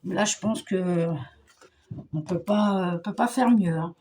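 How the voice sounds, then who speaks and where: A woman's voice: lowish voice, takes it slowly, darkish tone. A middle-aged woman from Paris chatting casually about her craft haul, hesitant, with many fillers and restarts. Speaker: scrapbooking vlogger. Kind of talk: casual show-and-tell chat.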